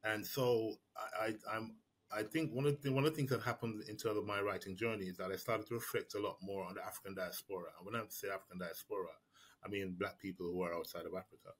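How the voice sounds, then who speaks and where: A prize-winning Jamaican writer answers questions about his work over a video call from a small indoor room, picked up by a webcam or laptop mic with slight background noise. His voice is fairly low and steady, and he talks fast. He's reflective, often restarting sentences and repeating words.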